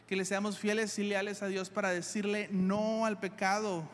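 A man's voice: sits high, little pitch movement, normal speed. A man preaching a sermon, reading scripture aloud and explaining it with earnest repetition. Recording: long hall reverb.

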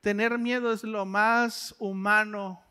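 A man's voice: high-pitched, flat delivery, takes it slowly, pushed and bright, smooth. A man preaching a sermon in a conversational way, asking the listener direct questions.

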